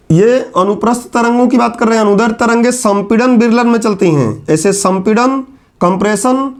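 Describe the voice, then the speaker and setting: A man with a strikingly high-pitched voice teaches a class at the board. He moves step by step, puts questions to the students and answers them himself. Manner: explains step by step, asks and answers his own questions. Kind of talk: classroom lecture.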